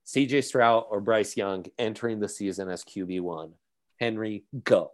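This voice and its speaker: A man's voice: on the low side, steady tone, normal speed. A man hosting a sports podcast, chatting casually and reading ads in a jokey, off-the-cuff way. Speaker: podcast host.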